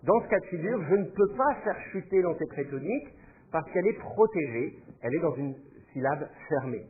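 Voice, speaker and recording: A man's voice: a little high, lively intonation, a little fast, phone-quality sound. A man teaching a class, explaining patiently and thinking aloud with fillers as he goes. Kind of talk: classroom lecture.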